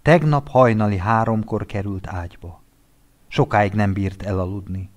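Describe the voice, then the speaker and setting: A male narrator reads a literary short story aloud. His delivery is measured and expressive, and his voice sits a little low. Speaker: audiobook narrator.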